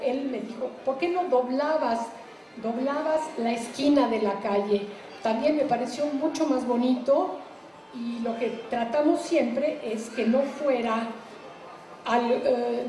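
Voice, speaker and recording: A woman gives a reflective public talk about her translation work, pausing often with fillers and restarts. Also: high voice, warm tone, roomy sound, rough recording. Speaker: literary translator.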